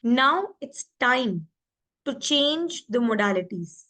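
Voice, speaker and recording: A woman guides listeners through a visualization exercise as a life coach, stretching each instruction out at a very unhurried pace. Her voice sits a little high for a woman, and she moves easily between Hindi and English. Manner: calm, drawn-out instructions, mixing Hindi and English.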